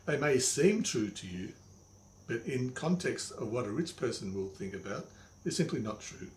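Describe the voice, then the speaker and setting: Older male, wise elder mentor type for motivational instruction. Didactic, plain-spoken, mid-range pitch, recorded in an echoey room. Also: very animated, moderate pace. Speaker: money coach, presenter. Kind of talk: motivational instructional monologue to the viewer. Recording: echoey room, faint background noise.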